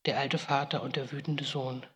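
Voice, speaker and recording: A woman's voice: very deep voice, level tone, moderate pace, fairly bright tone. A woman playing Rebekka, a guilt-ridden biblical mother, in a solemn, grave first-person monologue with pleading outbursts, in a big reverberant hall. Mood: solemn lament.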